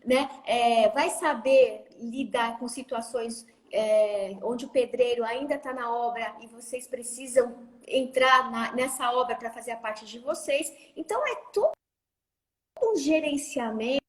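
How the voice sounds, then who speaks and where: A Brazilian woman with a high, bright voice, speaking as a guest in a live-stream chat. She is animated and slips into short put-on voices whenever she quotes someone else. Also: a little slow. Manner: animated, acts out other people's quotes.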